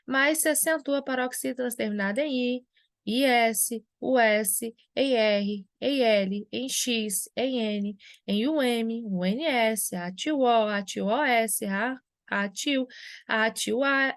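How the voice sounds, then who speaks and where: A teacher with a fairly high voice works through grammar rules at a whiteboard. She explains step by step and answers the questions she imagines her students asking. The sound is dry and close, with little room echo. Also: takes it slowly. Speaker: Portuguese language teacher. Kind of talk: classroom lesson at a whiteboard.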